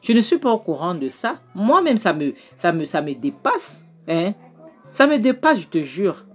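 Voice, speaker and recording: Indignant insistent middle-aged woman, done by a low-voiced woman, swears innocence. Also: sing-song, moderate pace, husky, faint music behind. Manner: insistent, swearing she knows nothing.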